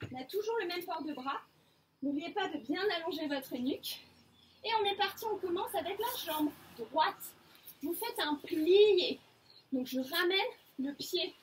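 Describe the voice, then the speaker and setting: A woman teaching a floor barre class, giving short calm commands. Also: very high-pitched. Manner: calm counting cues, short commands, slow. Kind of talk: instructing an exercise class. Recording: distant mic with faint room noise.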